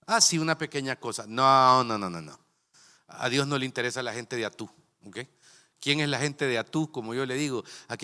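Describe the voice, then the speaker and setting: A man's voice: mid-range voice, sharp tone, clear, resonant tone. A middle-aged Salvadoran man preaching a sermon as pastor, in a folksy, conversational way full of asides and rhetorical questions, recorded in a church sanctuary. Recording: long reverb of a large church hall.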